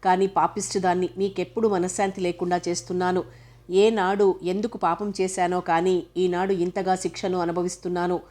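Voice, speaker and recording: A woman's voice: lowish voice, little pitch movement, fairly quick, a little mellow, natural voice. Guilt-ridden wife, bitter and self-reproaching, read by a woman narrator. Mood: distressed.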